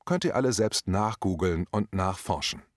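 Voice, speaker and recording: A man reading out a scripted commentary in a measured, deliberate way. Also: low-pitched, animated, no room sound, studio quality.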